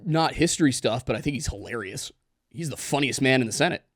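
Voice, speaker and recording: A man in his twenties co-hosting a podcast, chatting casually and joking, with quick asides. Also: mid-range voice, animated, no echo, clean studio sound. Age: 20s. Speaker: podcast co-host.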